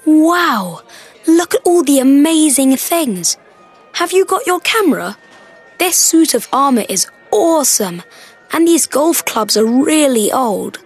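A woman's voice: high voice, sing-song, takes it slowly, soft background music, heavily acted. A woman voicing a curious, polite young boy on a trip, eager and polite. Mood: excited. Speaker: character in a textbook dialogue.

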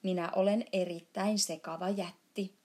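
A woman voicing a big, friendly, muddled male giant who mangles his grammar and shouts now and then in a storybook reading. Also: fairly even intonation, breathy edge, lightly acted. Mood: booming muddled. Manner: jumbled grammar, booming shouts.

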